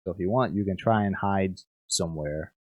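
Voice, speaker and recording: A man running a tabletop game as game master, narrating haltingly with many restarts. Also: sits low, a little mellow, dry recording.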